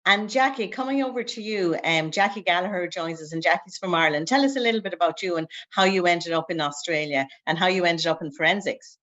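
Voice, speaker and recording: A woman's voice: on the low side, quick pace, hardly any pauses, fairly bright tone, highs cut off. A woman hosting a casual recruitment podcast interview, chatty and upbeat as she asks her guests questions.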